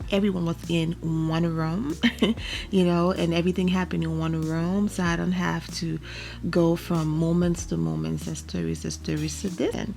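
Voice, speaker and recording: Woman doing a chatty recap vlog, lowish voice, faint music behind. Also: creaky, darkish tone. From Liberia. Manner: chatty, opinionated, laughs often. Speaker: vlog host reviewing a reality show.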